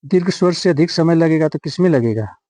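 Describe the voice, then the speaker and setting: A man with a fairly high voice, teaching an exam-prep grammar lesson. He asks each question more than once, then answers it with drawn-out, stressed words. His voice sounds close and dry, with no room echo. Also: lively intonation, warm tone. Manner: repeats questions and answers, drawing out words for emphasis.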